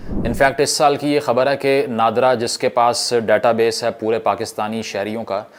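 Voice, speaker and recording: A man from Pakistan giving formal political commentary, measured, with English phrases woven in. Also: medium pitch, level tone.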